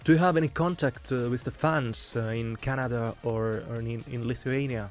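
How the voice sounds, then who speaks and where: Calm Estonian radio host. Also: male voice, medium pitch, moderate pace, faint music behind. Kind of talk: radio interview and translation.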